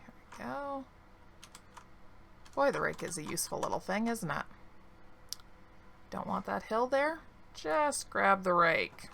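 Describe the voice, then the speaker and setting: Woman, gaming commentator, slow and unhurried, fry in the voice, slightly hoarse. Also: medium pitch, expressive, fairly bright tone, a little hiss or hum. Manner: slow, thinking aloud while playing. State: losing her voice, clearing her throat. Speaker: gaming video creator. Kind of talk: relaxed let's-play commentary.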